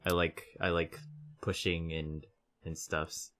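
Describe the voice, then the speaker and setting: Very deep-voiced laid-back man. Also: little pitch movement, slow pace, a bit bright. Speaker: podcast co-host. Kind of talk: casual chat.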